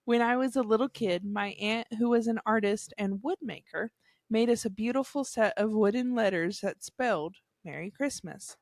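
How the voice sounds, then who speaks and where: A woman's voice: fairly high pitch, normal speed, a little mellow, no room sound, studio quality. A woman, co-hosting a casual podcast and reading stories aloud with small laughs. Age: 30s. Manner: amused, laughs between lines. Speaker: podcast co-host.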